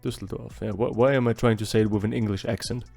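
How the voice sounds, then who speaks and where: A young Austrian man whose first language is German, an artist vlogger, rambles chattily in a casual voice-over while drawing, poking fun at himself along the way. His low voice is soft, mellow and gravelly, his intonation fairly even, and he talks fast. Faint music sits beneath him.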